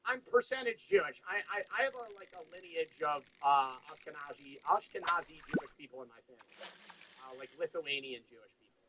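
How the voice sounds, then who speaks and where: A man's voice: a little high, brisk, background noise. A young man streaming, chatting casually, rambling and swearing with frequent laughs. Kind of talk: casual chat.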